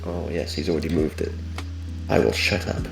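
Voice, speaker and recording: A man's voice: a bass voice, normal speed, gravelly. A man co-hosting a livestream in casual chat. He talks in a chatty, joking way, and his mic has a hollow, cave-like echo. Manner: chatty, joking, lively storyteller. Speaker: livestream co-host. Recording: echoey mic, faint music behind.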